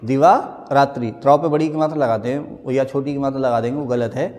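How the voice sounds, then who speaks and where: A man teaching a Hindi spelling lesson, naming each common mistake and then slowly spelling out the correct form. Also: medium pitch, steady tone, mellow, in a large hall. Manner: drills words, stating the wrong and the right spelling again and again; slows right down to spell a word out. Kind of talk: classroom-style spelling lesson.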